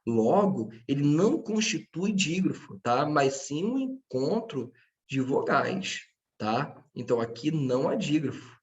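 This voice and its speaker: A man's voice: on the high side, sing-song, measured pace, dull audio. A man teaching a grammar lesson, patient and checking in with his students often. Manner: speaks to his students directly.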